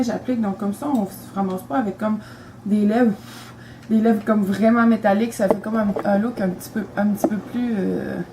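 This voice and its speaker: A woman's voice: mid-range voice, mellow, slight background noise, poor audio. A young woman with a Quebec French accent, talking casually and enthusiastically about her makeup, rambling with lots of fillers. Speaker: beauty vlogger.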